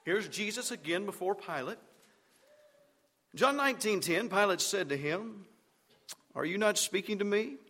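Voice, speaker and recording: A man preaching a sermon, emphatic and rising to loud shouts on key words. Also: high-pitched, animated, unhurried, long pauses. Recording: long hall reverb.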